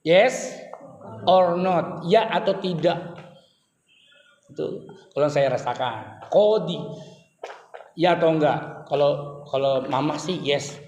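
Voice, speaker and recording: A middle-aged man preaching a lively sermon from Indonesia, teasing his congregation with sudden rises in pitch and volume. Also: slow, pauses often, lo-fi sound. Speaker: Islamic preacher. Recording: echoey hall, faint noise.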